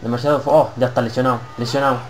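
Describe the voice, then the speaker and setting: A man's voice: mid-range voice, steady tone, racing, low-quality recording. A young man with a Spanish accent from Spain, giving rowdy, swear-filled commentary while playing a wrestling game and taunting his opponent. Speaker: gameplay commentator. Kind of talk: excited let's-play commentary.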